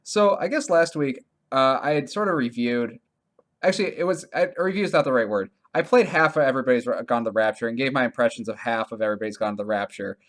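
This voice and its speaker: A podcast co-host with a mid-range voice chats casually about video games in a game review conversation. He speaks haltingly, often restarting and correcting his sentences and leaning heavily on "like" and other fillers.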